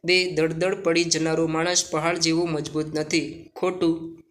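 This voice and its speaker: Male teacher reading out assignment answers in a steady, monotone delivery, on the high side. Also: unhurried. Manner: steady dictation, question then answer.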